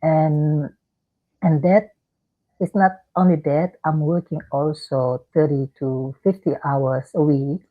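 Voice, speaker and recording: A woman from Indonesia answers interview questions in a very low voice, pausing often to search for words. She comes through a video call on a thin, phone-like line. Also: fairly even intonation. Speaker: guest.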